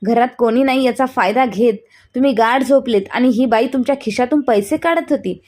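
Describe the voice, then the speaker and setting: A woman voicing an angry, scornful young daughter-in-law in a spoken family story, with a sharp, accusing way of talking. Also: a little fast, lightly acted. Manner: shrill accusing.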